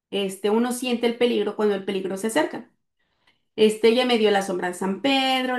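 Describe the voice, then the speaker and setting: A woman's voice: a little high, gravelly. Woman, middle-aged, earnest, filler-heavy storytelling, roomy echo. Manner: earnest, speaks with frequent fillers. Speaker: guest sharing testimony. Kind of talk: personal storytelling.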